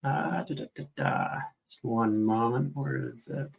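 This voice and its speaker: A man narrates informally as he reviews video clips, thinking aloud in casual live commentary. His medium-pitched voice has vocal fry, his pace is unhurried, and the audio sounds dull.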